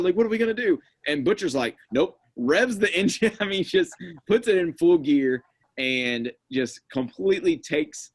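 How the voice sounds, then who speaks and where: A man's voice: fairly high pitch, no room sound. A man co-hosting a casual recap chat, retelling scenes with lots of "like" and acting out quotes. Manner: animated retelling, acts out quotes, many "like"s. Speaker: podcast co-host.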